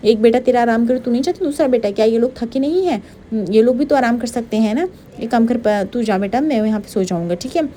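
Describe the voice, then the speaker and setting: A woman voicing a calm, peacemaking older father in a fast serial retelling. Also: on the high side, slight background noise, lightly acted. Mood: soothing.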